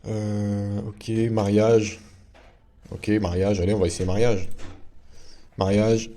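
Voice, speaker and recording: A man's voice: fairly low pitch, level tone, slow pace, mellow. A man giving a casual screen-share tutorial as a video host, talking in a chatty way with many fillers and restarts.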